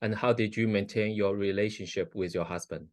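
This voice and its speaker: A man in a mock hearing, asking formal questions in a measured way. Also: lowish voice, fairly even intonation, a little mellow, no room sound.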